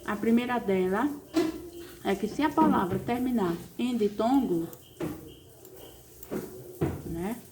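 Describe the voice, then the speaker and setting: A woman's voice: on the high side, darkish tone, slight background noise. A woman teacher with a Brazilian accent, patiently explaining a recorded class lesson step by step. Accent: Brazilian Portuguese. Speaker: primary school teacher.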